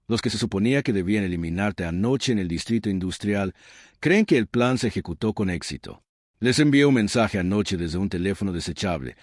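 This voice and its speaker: A man plays a confident male ally in a spoken story, explaining a scheme step by step in a low voice with lively rises and falls. The delivery is instructive and self-assured, and the sound is dry and close. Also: no room sound.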